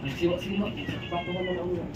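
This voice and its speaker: A man's voice: sits high, steady tone, fast talker. A man with a Filipino accent chatting casually among friends. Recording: noisy amateur recording with animal sounds.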